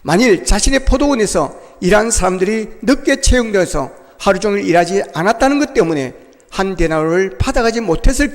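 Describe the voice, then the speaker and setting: A man's voice: high voice, in a large hall. A male pastor preaching a sermon in a church, making his points with emphatic rhetorical questions.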